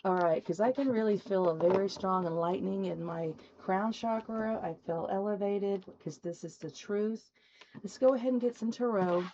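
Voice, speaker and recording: A woman's voice: medium pitch, normal speed, dark tone, muffled recording, a little hiss or hum. A woman giving a rambling, folksy spiritual tarot reading to her viewers. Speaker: tarot reader. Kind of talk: casual spoken tarot reading.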